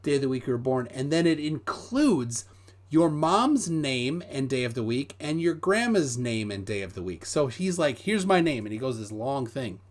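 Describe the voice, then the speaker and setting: A sing-song, mid-range voice at a moderate pace belongs to an American live stream host in casual conversation. He rambles through hesitant, filler-heavy stories and reads viewer messages aloud.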